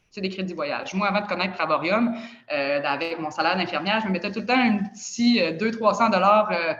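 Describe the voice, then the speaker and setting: A woman's voice: on the low side, a bit bright. Woman, Quebec French accent, video-call presenter, casual persuasive sales talk, dull lo-fi sound. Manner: chatty and persuasive, with casual asides. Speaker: presenter of a travel club.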